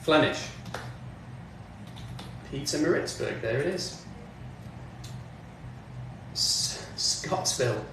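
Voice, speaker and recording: A man's voice: medium pitch, animated, drawn-out words, pauses often, recorded from a distance. A man from northwest England, chatting casually on a livestream as he answers comments. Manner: chatty, answers chat comments, talks while working. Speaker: music streamer. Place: home studio, in doors. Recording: very echoey room, off mic, faint background noise.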